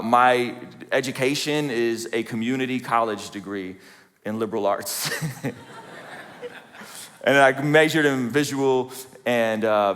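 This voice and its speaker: A long large-hall reverb follows this Azerbaijani speaker in his forties, whose middle-pitched voice sounds slightly bright. Speaking at a church event, he gives a humorous testimony to a live audience, putting himself down, keeping it conversational and posing questions to the crowd.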